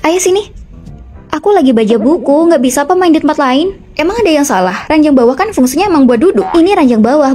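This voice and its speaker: A young woman voicing bickering female college roommates in a dubbed short drama, with a quick, snappy, sassy delivery. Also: sits high, dark tone. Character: bickering young women college dorm students.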